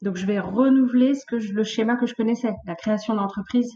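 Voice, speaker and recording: A woman in her late thirties, a podcast guest, telling her life story in a lively, casual way with many fillers. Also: on the high side, fast, muffled recording, slight background noise. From France, of Portuguese origin. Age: late 30s. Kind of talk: casual conversational interview.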